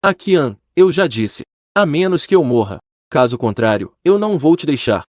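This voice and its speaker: A tender young mother with a soft, gentle way of speaking, pitched well above an ordinary man's tone, as a male narrator puts her on. Her voice rises and falls in a lively, animated line as she reads out her part of the storybook, and it comes across close and dry with no room sound. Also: normal speed, no echo. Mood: pleading. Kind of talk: storybook voice acting.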